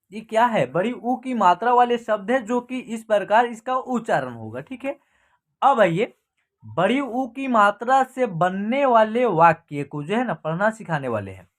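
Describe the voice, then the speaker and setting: A woman teaching Hindi reading in an online lesson. She reads each word slowly and clearly, then explains it quickly, and repeats every sentence for the learner. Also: mid-range voice.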